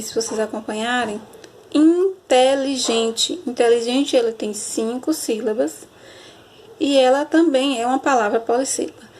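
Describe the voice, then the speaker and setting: A woman teacher, giving a recorded grammar lesson and often checking understanding with a quick question. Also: a little high. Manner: explanatory, checks understanding with frequent "certo?"; stretches and stresses example words slowly.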